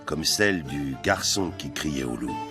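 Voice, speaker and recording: A man's voice: rumbling low, lively intonation, a little slow. A man reading scripted narration for a nature documentary in speech. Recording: music bed under narration. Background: music.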